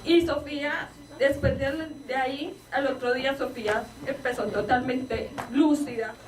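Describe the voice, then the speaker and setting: A woman's voice: sits high, steady tone, unhurried, slight background noise. A woman pastor giving an earnest personal testimony from the pulpit, acting out the dialogue as she retells it. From Colombia. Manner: earnest storytelling, reenacts dialogue with rising emotion. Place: church hall with congregation. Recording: echoey church, voice from a distance, congregation around.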